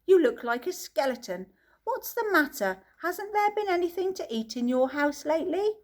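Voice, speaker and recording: A woman voicing an eccentric, excitable old male chocolate maker in an audiobook reading, gleefully rhyming and shouting orders. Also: high-pitched, moderate pace, voice pushed up. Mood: concerned.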